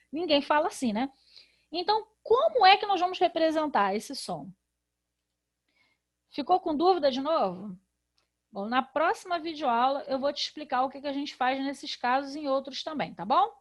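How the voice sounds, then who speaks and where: Woman, Brazilian Portuguese accent, high voice, literacy teacher, video lesson, rhetorical questions. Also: lively intonation, moderate pace. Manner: explains patiently, asks rhetorical questions, acts out silly misspellings.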